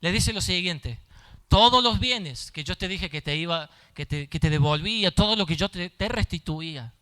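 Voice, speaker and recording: A man's voice: high voice, expressive, moderate pace, sharp tone, clean tone. A male pastor preaching a sermon, repeating his phrases and building in intensity as he goes.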